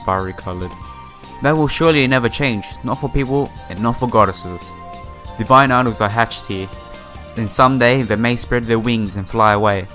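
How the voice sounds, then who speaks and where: This let's player has a medium-pitched, sharp-toned voice and talks at a normal speed. He reads a visual novel's text aloud with offhand remarks, tripping over a few words, while game music runs in the background.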